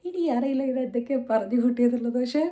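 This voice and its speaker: A woman's voice: on the high side, fast talker, dark tone. A woman in her thirties chatting casually to camera at home as a family vlogger, rambling along with many hesitant filler sounds. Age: 30s.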